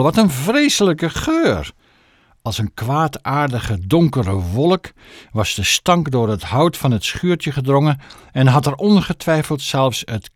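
A man narrating a children's audiobook in an expressive storytelling manner. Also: medium pitch, no echo, clean studio sound. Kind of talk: scripted narration.

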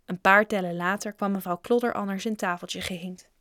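A woman reading a children's storybook aloud in a lively, expressive way. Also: mid-range voice, brisk, no echo, studio quality. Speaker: narrator.

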